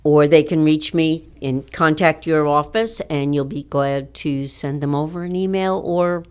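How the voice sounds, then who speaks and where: An older woman with a notably low voice speaks as a guest on a podcast interview. She explains things confidently and in detail. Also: fairly even intonation, measured pace, a little mellow, clean tone.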